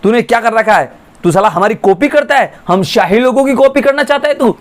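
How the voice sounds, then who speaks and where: A man's voice: very high-pitched, animated, brisk, pitched above the performer's own voice. A man voicing an arrogant, hot-tempered proud nobleman who hurls indignant insults.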